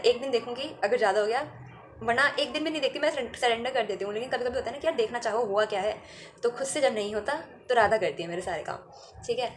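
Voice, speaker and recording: A woman telling a personal spiritual story in a casual, frank vlog, often dropping in a quick "okay" and laughing easily. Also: on the high side, slight background noise. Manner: laughs easily while talking. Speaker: spiritual content creator.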